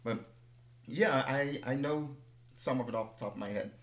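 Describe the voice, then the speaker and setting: A man's voice: medium pitch, normal speed. Rambling storyteller man, echoey room. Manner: rambling, animated anecdotes with self-deprecating humor. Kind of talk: casual chat, storytelling.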